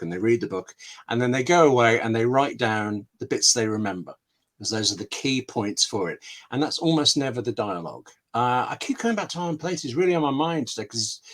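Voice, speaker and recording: Taking questions as a guest scriptwriter, a man talks in a conversational style, recounting anecdotes and thinking aloud, often with asides and questions aimed at himself. His voice is medium-pitched and a bit bright, and he's on a video call from a home room with books.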